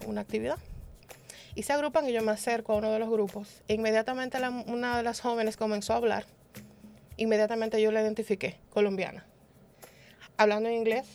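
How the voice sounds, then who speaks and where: On a panel discussion, a Dominican woman tells stories in a conversational way, restarting often and using lots of tag questions. Her voice sits on the high side with a darkish tone.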